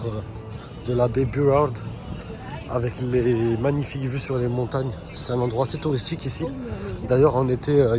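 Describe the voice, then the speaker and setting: A man from France chatting casually in a travel vlog while walking around a city, often pausing on "euh" and restarting his sentences. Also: medium pitch. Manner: chatty, relaxed, frequent fillers and restarts. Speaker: vlogger. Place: outdoors in a city. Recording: loud street noise behind.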